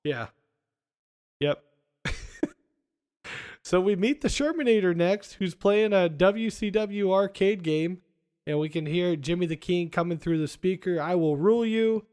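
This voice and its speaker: A man's voice: high voice, unhurried, pauses often, a little mellow, smooth. A man hosting a casual podcast, retelling movie scenes and quoting lines with frequent laughs. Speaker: podcast host.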